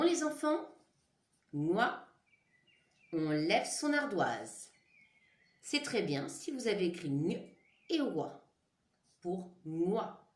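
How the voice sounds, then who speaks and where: A woman teaching young children, slowly dictating syllables and words in a classroom lesson. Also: medium pitch, darkish tone, roomy sound. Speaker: primary school teacher. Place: classroom with a board. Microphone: camera mic.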